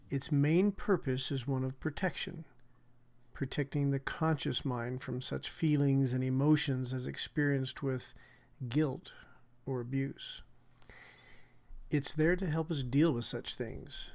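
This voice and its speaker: A man speaking as a hypnotherapist on a podcast, measured and soothing in his delivery. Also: mid-range voice. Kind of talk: guided hypnotic relaxation and explanation.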